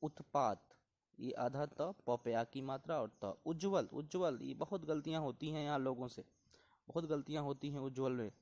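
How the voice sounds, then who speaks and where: Speaking at a medium pitch with a slightly mellow quality, a male teacher prepares students for an exam by going over Hindi spellings word by word. Each word gets a slow repetition, along with reminders to pay attention and take care.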